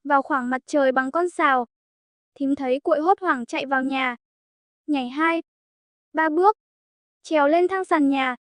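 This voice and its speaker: A woman narrating a folk tale as a storyteller, voicing the characters in her own steady voice. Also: high voice, normal speed, long pauses, dry recording.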